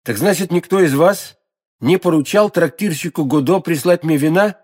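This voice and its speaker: A man's voice: fairly high pitch, moderate pace, pitched above the performer's own voice, close to an everyday voice. A man voicing a young guardsman hero, earnest and urgent, in a raised voice. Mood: puzzled. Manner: urgent, emphatic.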